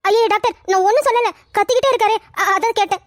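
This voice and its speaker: A woman voicing a shrill scolding village wife. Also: fast talker, dry recording, clean studio sound. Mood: anxious. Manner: nagging, scolding. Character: scolding middle-aged village wife and mother.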